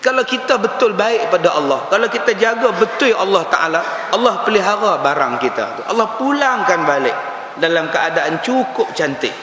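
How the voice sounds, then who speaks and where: Animated preacher in an echoey hall. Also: male voice, high-pitched, normal speed. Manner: animated storytelling with acted-out quotes. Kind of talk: lively religious lecture. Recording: echoey hall with faint hiss.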